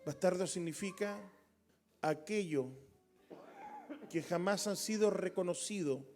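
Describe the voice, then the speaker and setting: A man's voice: high-pitched, unhurried, a little mellow, faint music behind. A man with a Chilean Spanish accent teaching a Bible study, emphatic and rising to impassioned calls.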